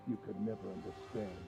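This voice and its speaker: A man's voice: lowish voice, creaky, voice pushed down, poor audio. A man voicing a cruel, mocking man who runs a deadly experiment, taunting and laughing over game music.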